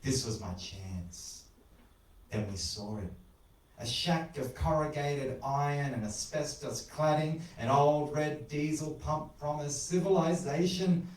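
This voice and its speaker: A man narrating a macabre short story in an animated, wry, crude style, recorded in an echoey room away from the mic. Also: a little high, slow, recorded from a distance. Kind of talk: dramatic spoken horror narration.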